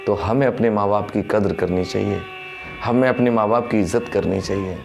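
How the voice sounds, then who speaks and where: A man's voice: lowish voice, normal speed, gravelly, music in the background. A man preaching a Buddhist sermon, telling a moral story, calling his listeners brothers in the dhamma and acting out the voices in it. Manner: addresses listeners as dhamma brothers, acts out dialogue with raised voice.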